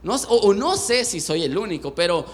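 A man's voice: sits high, a little fast. A young Mexican man preaching a sermon with a Mexican Spanish accent, joking and poking fun at himself as he talks to his congregation. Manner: joking, self-deprecating and lively. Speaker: pastor. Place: church sanctuary. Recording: echoey church hall.

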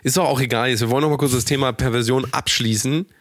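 A man's voice: mid-range voice, steady tone, quick pace, dry recording, clean studio sound. A young man co-hosting a podcast, rambling and joking in a casual chat with playful mock outrage. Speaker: podcast co-host.

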